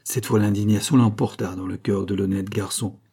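A man reads a classic novel aloud in a measured, literary manner. His voice is low, dark and husky, and he keeps each sentence steady. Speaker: audiobook narrator. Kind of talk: scripted narration.

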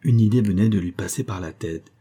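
A male narrator with a low, husky voice and a dark, mellow tone. He reads a classic story aloud in measured, even scripted audiobook narration.

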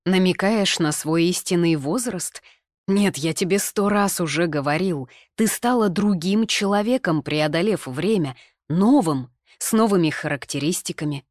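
A woman voicing an excited, slightly drunk young man who keeps insisting to his fiancée. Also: on the low side, moderate pace, no room sound, studio quality, lightly acted. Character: young man, heroine's ardent, tipsy fiancé.

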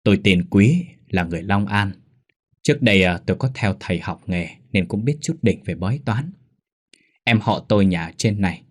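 Brief: middle-aged male exorcist, calm authority, low husky tone, read by the narrator. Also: moderate pace. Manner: steady, commanding.

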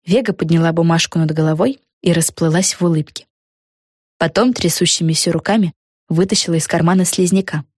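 A woman narrating a children's storybook in clear, expressive storytelling. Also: lowish voice, fairly quick, dry recording, studio quality. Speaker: audiobook narrator.

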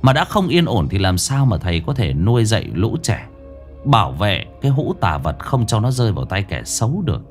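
Lively male ghost-story narrator. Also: lowish voice, a little fast, faint music behind. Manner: dramatic, expressive storytelling.

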